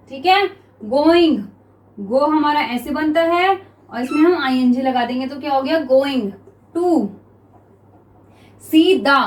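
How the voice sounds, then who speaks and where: Slow high-voiced Indian woman teaching. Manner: coaching tone, repeats "clear?" and "students" often. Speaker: shorthand teacher. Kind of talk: classroom lesson with slow dictation.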